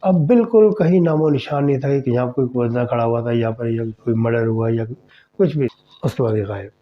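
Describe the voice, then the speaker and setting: A man tells a horror story in a conversational, animated way, as a podcast host. His voice sits at an ordinary middle pitch. The audio is slightly dull and muffled. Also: a little fast.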